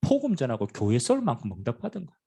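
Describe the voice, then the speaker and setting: A middle-aged pastor preaches in a church with a gravelly, husky voice. His pitch jumps all over the place, and he swings between loud bursts and hushed asides. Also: fast talker. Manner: animated preaching with sudden loud and quiet swings. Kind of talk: sermon. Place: church sanctuary.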